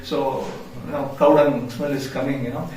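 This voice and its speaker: A man's voice: mid-range voice, fairly even intonation, moderate pace, mellow. A man giving a devotional scripture class in a temple, telling the story conversationally with frequent "you know" and quizzing his listeners. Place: temple hall. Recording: echoey hall from far off.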